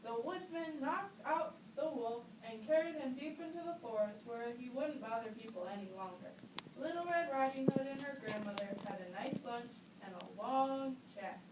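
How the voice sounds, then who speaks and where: Scripted narration for a kids' puppet show comes from a high-voiced woman who speaks at normal speed with lively intonation. The microphone sits far from her in a spacious room, picking up faint noise.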